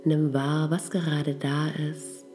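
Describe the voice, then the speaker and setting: A woman leading a guided meditation, giving soft, calm instructions. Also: low-pitched, slow pace, soft background music.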